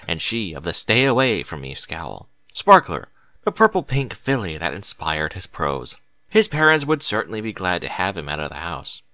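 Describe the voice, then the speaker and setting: A man with a lowish, somewhat bright voice narrates fan fiction as an audiobook, reading the scripted story with dramatic, emphatic delivery. The recording is dry.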